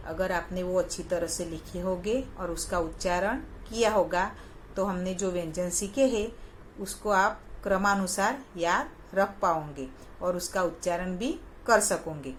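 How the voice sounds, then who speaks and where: A woman teaching young children in a recorded lesson, patient and repeating each sound with clear stress. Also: on the low side, unhurried, slight background noise. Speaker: kindergarten teacher.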